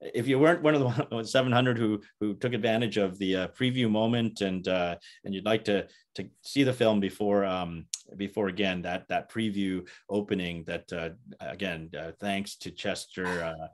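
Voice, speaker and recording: A man moderating an academic interview, speaking in a halting way with frequent restarts and "uh"s. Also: on the low side, steady tone.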